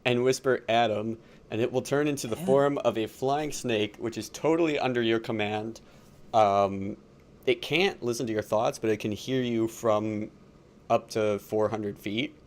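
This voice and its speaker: A man's voice: medium pitch, normal speed. A man running a tabletop game as game master, talking casually with lots of fillers and laughs. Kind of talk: narrating a tabletop game on a livestream.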